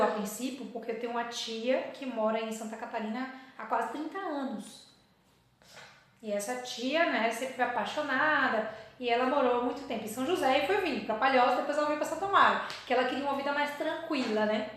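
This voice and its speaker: A woman from Salvador speaks in a fairly high voice, chatting as a dentist guest in a casual interview. She tells her story and acts out her own past remarks as quotes. The sound is very echoey, as in a large bare room. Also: a bit bright. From Salvador, Bahia, Brazil.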